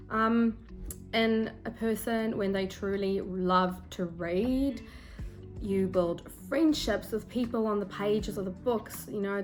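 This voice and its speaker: Using a desk-mounted phone or camera mic, a young woman vlogs about books in a casual, self-mocking style, frequently filling gaps with "um." She is South African, speaks with that country's accent, and grew up with Afrikaans as her first language. Her voice sits in the mid range and sounds a little mellow.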